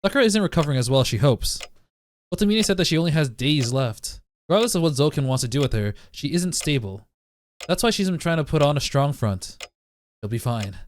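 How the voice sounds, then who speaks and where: A man's voice: on the high side, expressive, a little fast. A man reading a visual novel aloud as narration, breaking off now and then to joke about it. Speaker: let's play reader.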